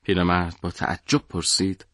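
A man narrating a story for an audiobook in a measured, dramatic way. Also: sits low, flat delivery, a bit bright, no room sound, clean studio sound.

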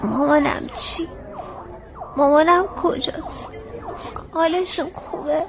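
A woman's voice: sits high, crowd noise, natural voice. An actress playing a young woman waking injured in hospital, crying, confused and accusing everyone of lying. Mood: distraught. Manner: confused, accusing, near tears.

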